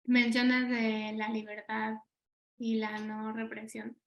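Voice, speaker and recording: A woman psychologist answering as a guest, measured and with hesitant fillers. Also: a little high, monotone, roomy sound, highs cut off. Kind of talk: interview answer.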